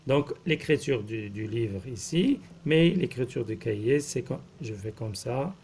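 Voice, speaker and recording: A man, a primary school teacher slowly explaining a lesson, repeating words and spelling out letters. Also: medium pitch, animated, a little mellow, slight background noise. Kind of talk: slow classroom explanation.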